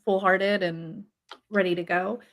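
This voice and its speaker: A woman host asking a guest questions in a relaxed, hesitant way, with plenty of fillers. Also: medium pitch, measured pace. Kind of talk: casual interview chat.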